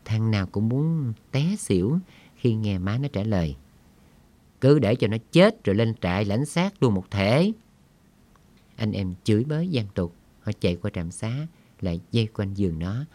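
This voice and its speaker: A man reading a story aloud in a slow, somber storytelling manner. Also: fairly low pitch, warm tone. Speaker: audiobook narrator.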